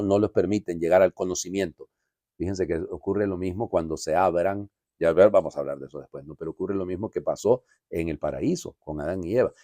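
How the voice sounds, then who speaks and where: A man's voice: fairly low pitch, warm tone, no echo, studio quality. A man, a priest, giving a conversational homily full of asides and rhetorical questions.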